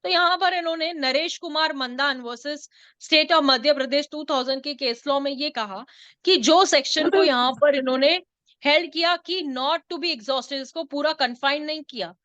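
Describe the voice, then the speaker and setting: High bright-voiced woman teaching law. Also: moderate pace, no room sound, muffled recording. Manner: explains terms and quizzes students. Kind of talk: online law lecture.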